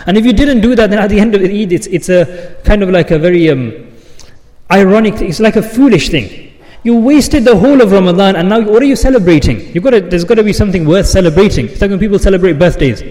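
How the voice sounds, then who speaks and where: A man giving an impassioned Eid sermon, building to forceful rhetorical questions. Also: sits high, animated, fast talker. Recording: long hall reverb.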